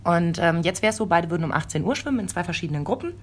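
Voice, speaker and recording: Woman in her 40s telling a story, lowish voice, acts out the voices, chatty. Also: lively intonation, fast talker, slight background noise. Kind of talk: casual chat.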